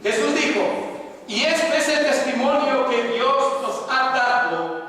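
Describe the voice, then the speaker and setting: An older man preaching a sermon as a pastor, swinging between loud impassioned cries and low murmured passages. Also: slow. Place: church sanctuary. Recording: echoey church hall, distant mic, faint noise.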